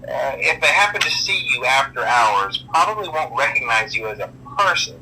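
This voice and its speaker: A chatty night-shift trainer whose voice comes through as a recorded phone message in a horror game. He rambles offhandedly with lots of uh and um. The tone is very bright and forceful. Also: mid-range voice, big pitch swings, moderate pace, slight background noise, heavily acted, low-quality recording. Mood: offhand.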